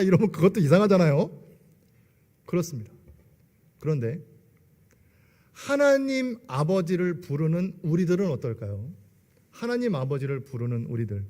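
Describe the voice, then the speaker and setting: In a church sanctuary with the long echo of a big hall, a man in his forties shares his testimony. His voice sits high and a little mellow, and he often asks the congregation rhetorical questions.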